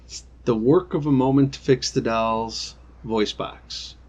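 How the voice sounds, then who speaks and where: A man with a husky voice casually commenting on a game and reading its text aloud. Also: medium pitch, a little slow, darkish tone, lo-fi sound. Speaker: game co-player.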